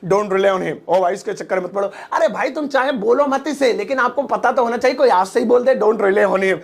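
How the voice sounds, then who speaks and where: A man's voice: high-pitched, fairly quick, creaky. A young man teaching English in a casual, jokey lesson, chatting with the viewer and acting out little family scenes.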